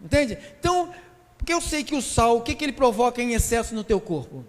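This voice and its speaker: Man, Brazilian accent, pastor, lively joking sermon, very high pitch, long hall reverb. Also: fast talker. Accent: Brazilian Portuguese. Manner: lively, joking, addresses congregation as brothers.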